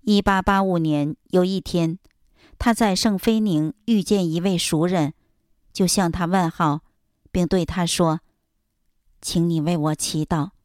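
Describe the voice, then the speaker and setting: A woman with a fairly low voice reads a religious life story aloud in a steady, solemn, measured way. The sound is dry and close, with no room echo. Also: clear, resonant tone. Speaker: narrator of a religious biography. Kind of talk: scripted reading narration.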